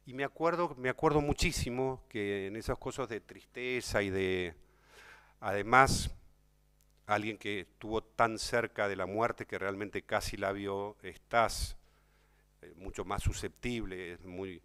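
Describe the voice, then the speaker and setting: A man's voice: lowish voice, unhurried, fairly bright tone, clear, resonant tone. A man with an Argentine accent telling a personal story to an audience, emotional and conversational, often repeating words and turning to his listeners. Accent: Argentine Spanish. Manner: addresses listeners directly. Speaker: speaker at a talk.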